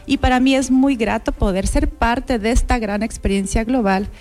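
A woman's voice: a little high, moderate pace, darkish tone. A woman from Ecuador with an Ecuadorian Spanish accent, a visiting university lecturer introducing herself graciously on the radio.

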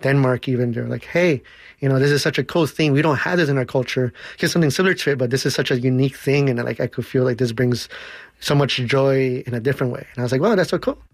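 A man's voice: medium pitch, dry recording. A man who teaches and organizes dance, telling his story in an earnest, reflective interview manner. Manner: earnest, quick bursts with slow emphatic stretches.

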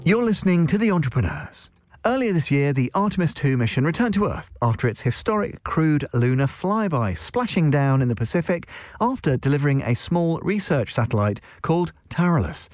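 A male radio host reads his scripted links in a measured, polished way. His pitch rises and falls a lot and sits slightly high. The studio sound is very dry, with soft music behind him. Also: very animated, no echo. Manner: measured, presenter-like delivery.

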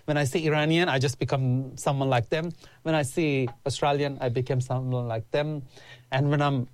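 Speaking at medium pitch with fairly even intonation and a moderate pace, this thirtysomething interview guest, originally from Afghanistan and brought up in Iran, chats casually. He comes across as earnest, frequently starting his sentences over and filling gaps with "like."

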